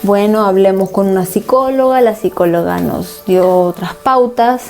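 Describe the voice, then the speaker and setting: A woman's voice: medium pitch, normal speed, a little mellow, faint music behind. A woman pastor preaching a sermon and earnestly recounting a personal family story as testimony.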